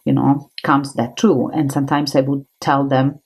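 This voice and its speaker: A woman's voice: very deep voice, little pitch movement, normal speed, a little mellow, slight background noise, poor audio. A woman from Italy with an Italian accent, an art teacher chatting encouragingly while she draws with oil pastels. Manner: chatty, encouraging, thinks aloud while drawing. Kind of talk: casual art tutorial.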